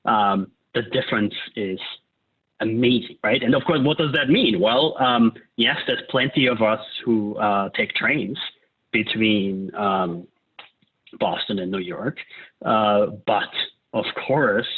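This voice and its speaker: A husky, lowish-voiced man from Austria, a climate economist, takes it slowly as he explains policy while leading a discussion. His style is a loose, casual lecture full of "uh" and check-ins of "right?", heard over a tinny, phone-like line.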